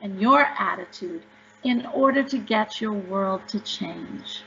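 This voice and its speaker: A woman's voice: mid-range voice, slow, creaky, fairly bright tone, slight background noise. A woman author answering interview questions, upbeat and emphatic as she tells stories. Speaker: author guest. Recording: dull lo-fi audio.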